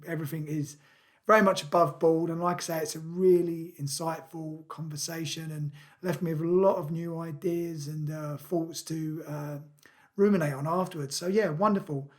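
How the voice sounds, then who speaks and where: Young guy hosting his podcast, bit high voice, lots of ums and uhs. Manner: halting, many fillers, chatty. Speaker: podcast host. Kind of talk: casual podcast chat.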